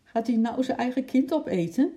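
A storyteller voicing a young girl who is eager and easily alarmed, calling out in a high, excited voice. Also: normal speed, dull audio, natural voice.

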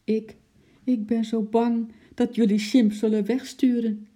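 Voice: mid-range voice, little pitch movement, a little slow, warm tone, pitched above the performer's own voice, natural voice. A storybook reader voicing a frightened little girl who pleads in a small, trembling voice. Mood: fearful. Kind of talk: storybook reading.

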